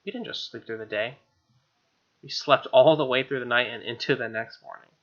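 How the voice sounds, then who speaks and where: This is a brisk, medium-pitched young man voicing visual novel narration for a let's play. He keeps it informal, with gamer slang and casual remarks, over soft game music in slightly dull audio.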